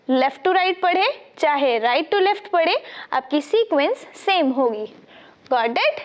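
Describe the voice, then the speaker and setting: Woman math teacher, high voice, unhurried, patient, keeps checking that students follow. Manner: patient, checks understanding often. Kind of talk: classroom lesson mixing Hindi and English.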